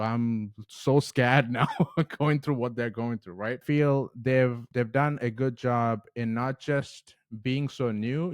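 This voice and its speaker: A man's voice: medium pitch, no room sound, clean studio sound. A man hosting a casual movie review vlog, talking in an enthusiastic, conversational way.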